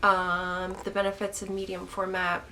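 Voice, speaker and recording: In a monotone at normal speed, a young woman with a sharp, medium-pitched voice, still stuffy after being sick, answers viewers' photography questions for a casual vlog. She rambles with many "like"s and restarts, and the camera's built-in mic leaves a little hiss or hum.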